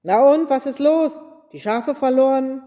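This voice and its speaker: Woman reading aloud as a cranky innkeeper, storybook, barking in a high loud voice, long hall echo. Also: a little slow. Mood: shouting. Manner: gruff, bellowing. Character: grumpy shouting male innkeeper.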